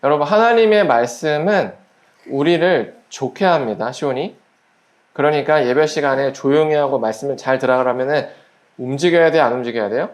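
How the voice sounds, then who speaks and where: A pastor giving a children's sermon at a church service, gently asking the children quiz questions and acting out little voices in the story. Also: medium pitch, a little fast. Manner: acts out little quoted voices while storytelling.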